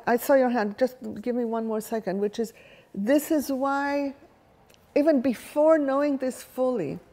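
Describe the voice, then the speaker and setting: In a workshop room, a facilitator whose native language is Hebrew asks her live audience questions while thinking aloud. Her voice is on the high side and warm.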